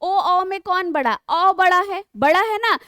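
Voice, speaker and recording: Woman teacher, really high voice, dry close sound, slow patient explaining, keeps asking the kids questions. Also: bright, forceful tone, no room sound. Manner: patient, drawn-out explaining with frequent rhetorical questions to students. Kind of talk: online exam-prep lesson.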